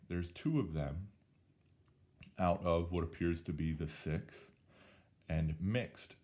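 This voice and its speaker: A hoarse male teacher with a very low voice walks through math problems at an unhurried pace. He keeps it casual and chatty in this recorded lesson. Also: darkish tone. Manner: casual, chatty, talks through each step. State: hoarse, losing his voice. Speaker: statistics teacher.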